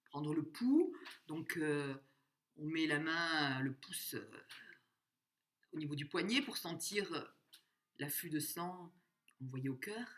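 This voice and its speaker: Slow-speaking woman teaching music. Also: deep voice. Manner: slow, explanatory, breaks into singing and counting beats. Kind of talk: spoken music lesson with sung examples.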